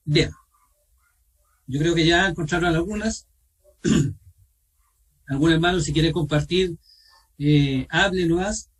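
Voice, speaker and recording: A man with a Chilean accent teaching an online Bible study, asking his listeners questions and pausing with fillers. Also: a little high, a bit bright, far from the mic, low-quality recording. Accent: Chilean Spanish. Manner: asks questions of the group, repeats himself, pauses with fillers. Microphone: video call.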